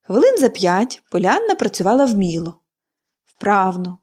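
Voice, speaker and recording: A woman narrating a novel as an audiobook, in an expressive storytelling manner. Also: mid-range voice, unhurried, husky.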